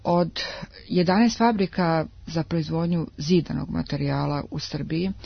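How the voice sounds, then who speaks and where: A woman speaks as an industry adviser in a radio interview, her voice gravelly with a touch of fry. She explains steadily, stopping on drawn-out fillers between points. The sound is dry, close and dull, like an old radio broadcast. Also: deep voice, fairly even intonation, no room sound. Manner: measured, explanatory, pauses on drawn-out "e".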